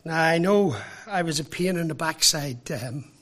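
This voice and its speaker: A man from Ireland, preaching a sermon with emphatic rhetorical questions and deliberate pauses. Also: a little high, lively intonation, fairly bright tone. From Northern Ireland.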